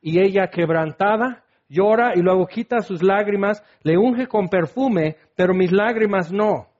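A man preaching a sermon, animated and acting out scenes, then sinking into soft prayerful tones. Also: sits high, a little slow. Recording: dull lo-fi recording.

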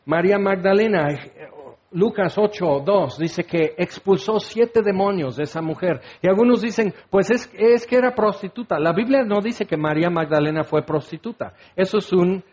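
High-voiced preacher. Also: male voice, normal speed. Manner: expressive, conversational, acts out quotes. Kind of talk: sermon. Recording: dull lo-fi recording.

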